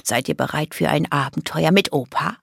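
Woman reading cheerful affectionate grandma, storybook, low voice, gravelly edge, dry close sound. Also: moderate pace, no echo, full character voice.

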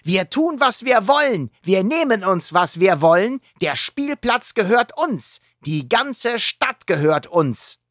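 A woman's voice: mid-range voice, big pitch swings, slow pace, hardly any pauses, fairly bright tone, no echo, clean studio sound, pitched above the performer's own voice, heavily acted. A woman voicing a bossy, boastful werewolf kid who talks in a cocky, threatening way.

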